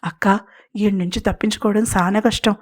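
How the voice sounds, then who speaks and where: A timid young henchman speaks in a Godavari district dialect, hushed and pleading, as a woman storyteller puts him on. He is naive and soft-hearted in an audio storybook. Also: medium pitch, steady tone, a little fast, close to an everyday voice. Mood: hushed, worried.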